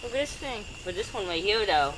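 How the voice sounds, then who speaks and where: A man with a high voice chats casually in slangy, exclamatory bursts. He is recorded outdoors at night on a camera, with clear noise from insects and vehicles. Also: lively intonation, brisk. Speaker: exploration companion. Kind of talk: casual chat.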